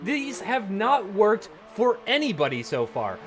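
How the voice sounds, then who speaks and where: Excitable high-voiced male race commentator. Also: soft background music. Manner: excitable, laughs often, quick run-on phrasing. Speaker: lead commentator. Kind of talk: live esports race commentary.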